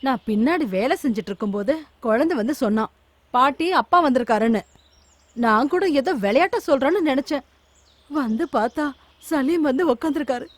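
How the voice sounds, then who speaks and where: A high-voiced old grandmother. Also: expressive, a little fast, no echo. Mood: recounting. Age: older. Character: worried old grandmother, tearful and fond. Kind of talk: dubbed film dialogue.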